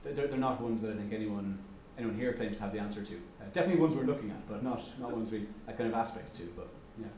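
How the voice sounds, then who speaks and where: Answering questions from the audience at an economics lecture, this man from Ireland speaks haltingly, with many restarts and fillers. The lowish, slightly mellow voice carries a little hiss or hum in the echoey lecture room.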